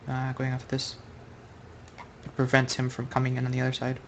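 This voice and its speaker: Gravelly man thinking aloud over a game. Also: mid-range voice, monotone, a little fast, heavy background noise. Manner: rambling, thinks aloud, corrects himself mid-sentence. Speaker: Go player commenting on his own online game. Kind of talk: casual live game commentary.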